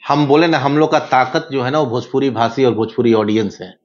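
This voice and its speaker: A man, giving an interview in an animated, emphatic, lecturing way. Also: medium pitch, a little fast. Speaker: interview guest. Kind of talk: casual interview talk. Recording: dull lo-fi sound.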